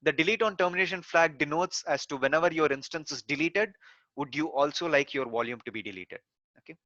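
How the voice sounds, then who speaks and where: Bright-voiced man teaching a tech tutorial. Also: fairly high pitch, fairly quick, no echo, muffled recording. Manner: explains step by step with frequent "so" and "uh" fillers. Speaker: course instructor. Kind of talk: screen-recorded technical tutorial.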